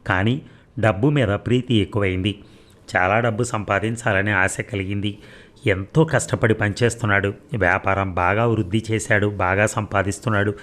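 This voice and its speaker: A man reading a story aloud as a narrator, steady and measured. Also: on the low side.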